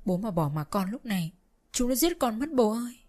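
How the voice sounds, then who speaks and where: A woman's voice: medium pitch, unhurried, a little mellow, natural voice. A woman voicing a panicked young man who begs his father for help. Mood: begging. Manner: frantic, pleading.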